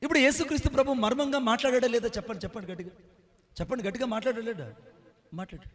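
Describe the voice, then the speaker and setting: A man's voice: very high-pitched, very fast. A middle-aged male pastor giving a sermon, often firing questions at his listeners and acting out quoted dialogue. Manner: rhetorical questions to the congregation.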